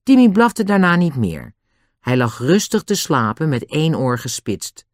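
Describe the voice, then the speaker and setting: An audiobook narrator telling a children's adventure story. The delivery is expressive, with a lively, swinging pitch. The recording is dry and close to the mic. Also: measured pace, no echo.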